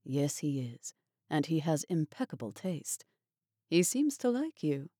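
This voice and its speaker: A woman voicing a kind, courteous young gentleman who speaks calmly and reassuringly. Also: deep voice, measured pace, no room sound, clean studio sound, heavily acted.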